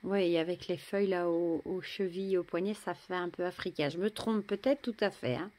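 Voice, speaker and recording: A French woman casually showing and admiring tarot cards, chatty, often dropping to a soft murmur. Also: fairly low pitch, fairly even intonation, normal speed. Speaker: tarot deck reviewer. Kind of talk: casual show-and-tell.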